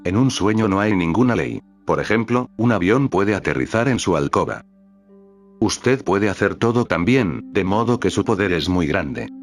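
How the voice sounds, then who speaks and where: A man reading a spiritual teacher's talks aloud in a calm, measured way, voicing the questions and stage directions too. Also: low voice. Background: faint background music.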